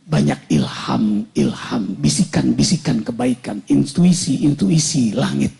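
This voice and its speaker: A man preaching a sermon in a gravelly voice, quoting Arabic sayings and then translating them. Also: medium pitch, animated, a little slow, warm tone.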